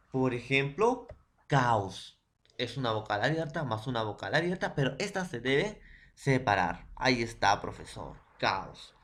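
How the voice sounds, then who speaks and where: A man from Peru teaching a grammar lesson, in an unhurried and deliberate way. He stretches words out syllable by syllable and keeps checking in with his students, often asking questions and answering them himself. His voice sits at an ordinary middle pitch. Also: fairly bright tone. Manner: slow, syllable-by-syllable spelling out of words, with frequent "¿ya?" and "¿no?" checks. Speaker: secondary school teacher. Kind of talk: classroom lesson.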